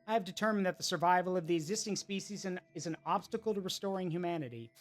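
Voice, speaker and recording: A player reading a calm, menacing evil AI in a video game, cold, measured and formal. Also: medium pitch, faint music behind, lightly acted. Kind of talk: reading game dialogue aloud.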